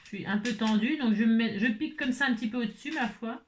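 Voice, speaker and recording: A woman's voice: on the high side, quick pace. Chatty exasperated French craft host woman. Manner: chatty, exasperated, keeps adding "hein". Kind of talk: casual crafting tutorial. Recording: echoey room, faint noise.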